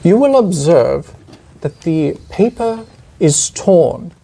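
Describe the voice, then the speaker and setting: Sherlock Holmes, slow creaky Victorian gentleman detective acted out. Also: medium pitch, sing-song, exaggerated voice. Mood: musing, analytical. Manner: formal, measured Victorian gentleman. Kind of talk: dramatic role-play of a Victorian mystery.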